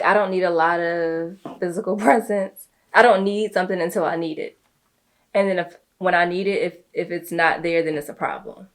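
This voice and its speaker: A woman talking casually as a guest with her husband, often hesitating and opening with "um". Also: mid-range voice. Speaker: guest, host's wife. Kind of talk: casual chat.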